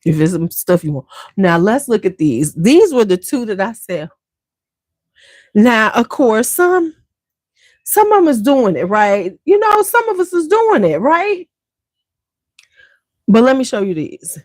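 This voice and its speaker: A woman's voice: a little high, sing-song, a little slow, pauses often, dry recording. A woman hosting a beauty livestream, chatting casually and slangily straight to her viewers.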